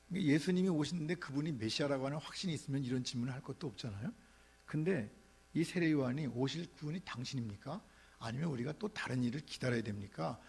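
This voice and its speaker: Gravelly-voiced Korean pastor preaching. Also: male voice, mid-range voice. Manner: animated preaching, shouting out quoted rebukes. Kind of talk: sermon.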